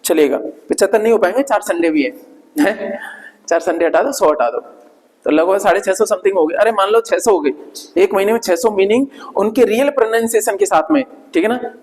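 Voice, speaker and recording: A man's voice: high-pitched, animated, a little mellow. Hindi-speaking male teacher in a reverberant hall. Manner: repetitive, drills words, checks in with "ठीक है ना"; slow, drawn-out spelling of sounds. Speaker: English vocabulary teacher. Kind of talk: classroom vocabulary lesson.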